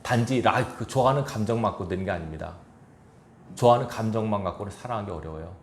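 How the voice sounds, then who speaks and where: Gravelly Korean pastor preaching. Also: male voice, on the low side, fast talker, roomy sound, slight background noise. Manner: earnest, exhorting, with chuckles and quoted asides. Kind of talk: sermon. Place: church sanctuary.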